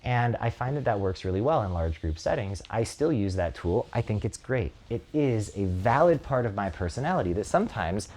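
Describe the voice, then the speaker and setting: A relating practice facilitator with a very low voice speaks into a close microphone in casual conversation. He's relaxed, thoughtful, and reflective, pausing to think and often saying "like" and "um."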